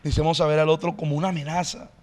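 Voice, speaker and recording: A male pastor explaining in an earnest, teacherly way as a podcast guest, often pausing on "eh". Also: a little high, fairly even intonation, big-room sound, slight background noise. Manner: earnest, teacherly, frequent "eh" fillers. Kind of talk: podcast interview, preaching-like explanation.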